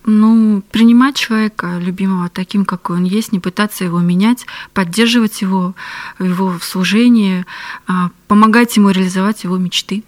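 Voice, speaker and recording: Soft-spoken woman, a radio interview guest. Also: medium pitch, steady tone, fairly quick. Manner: soft-spoken, earnest, hesitant. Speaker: guest, pastor's wife. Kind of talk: studio interview. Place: radio studio.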